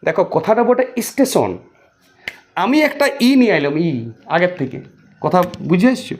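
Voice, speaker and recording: A man's voice: sits high, big pitch swings, measured pace. A man teaching a grammar lesson for exam students, talking to the listener in a colloquial, repetitive way with many rhetorical questions.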